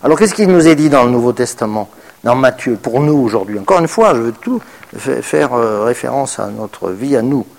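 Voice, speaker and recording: Male preacher, mid-pitched, reads scripture and comments on it, emphatic highs and hushed lows. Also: expressive, moderate pace, creaky. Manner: swings from raised emphatic bursts to quiet murmured asides. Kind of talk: sermon.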